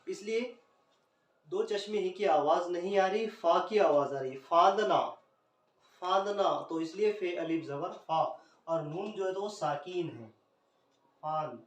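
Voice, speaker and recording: This high-pitched male teacher works through Urdu poetry scansion in an Indian Urdu accent, naming each letter individually at a measured pace. He stands well away from the mic, so the room's echo comes through clearly.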